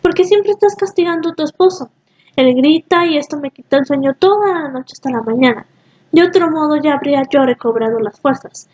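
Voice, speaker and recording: A woman's voice: high-pitched, brisk, darkish tone, dull audio, natural voice. A woman voicing a vengeful king in a storybook reading. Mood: scolding. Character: vengeful king feigning a weak voice.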